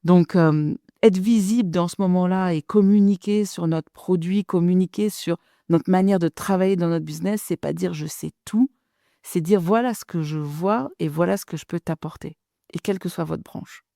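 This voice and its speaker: A woman's voice: lowish voice, moderate pace, creaky, mellow, no room sound, clean studio sound. A middle-aged woman business coach talking to listeners in a direct, chatty podcast monologue.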